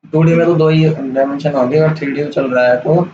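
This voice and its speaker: A man giving a casual, step-by-step software tutorial over a screen recording, checking in often with the listener. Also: a little high, steady tone, brisk. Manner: casual, explains step by step with "theek hai" checks. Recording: roomy, dull lo-fi sound with faint hiss.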